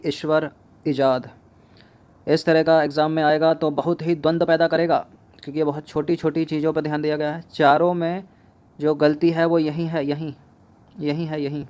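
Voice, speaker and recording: A male exam coach speaking, his voice sitting a little on the high side. He works through spelling questions one by one, saying each word over and over and asking the class which form is right. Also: flat delivery, normal speed, a little mellow, smooth. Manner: repeats each word several times, asks students questions. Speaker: exam prep teacher. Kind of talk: spelling lesson explaining answers.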